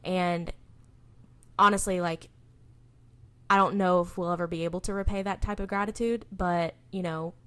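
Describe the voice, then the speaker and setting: A woman's voice: on the low side, steady tone, moderate pace, fairly bright tone, clear, resonant tone. Casting: young woman, salon owner co-hosting a chatty podcast, rambling delivery. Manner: rambling, filler-heavy. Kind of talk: casual chat.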